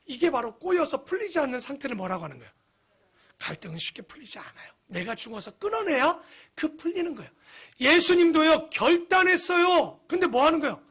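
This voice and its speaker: A man's voice: extremely high pitch, fairly bright tone. A middle-aged man preaching a sermon as pastor, chatty and joking, asking the congregation rhetorical questions. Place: church sanctuary.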